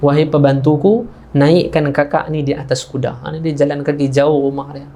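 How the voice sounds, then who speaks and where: A man with a Malaysian Malay accent gives a sermon and tells a story with energy. His voice is a little higher than most men's, and its tone is mellow and soft. He acts out the people in the story as he talks. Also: normal speed. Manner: animated storyteller, acting out characters with raised pitch. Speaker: ustaz preacher.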